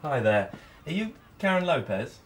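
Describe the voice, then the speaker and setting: An actor playing a police sergeant who speaks casually and politely. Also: male voice, a little high, very animated, moderate pace, far from the mic, a little hiss or hum.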